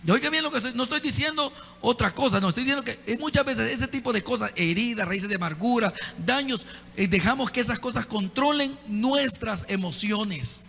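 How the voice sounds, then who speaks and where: A pastor preaching a sermon in a conversational way, often putting direct questions to the congregation. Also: male voice, extremely high pitch, fairly quick, gravelly, bright, forceful tone, in a large hall. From El Salvador. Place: church.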